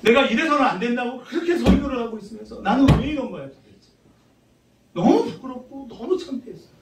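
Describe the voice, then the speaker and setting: A middle-aged man preaching a sermon as pastor, conversational and animated, teasing his congregation. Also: extremely high pitch, fairly quick, background noise. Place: church sanctuary. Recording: roomy church sound from a distant mic.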